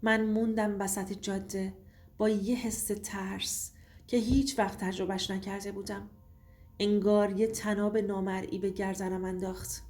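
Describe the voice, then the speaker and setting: A woman giving a steady, tense first-person scripted story narration, with faint music behind. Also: mid-range voice.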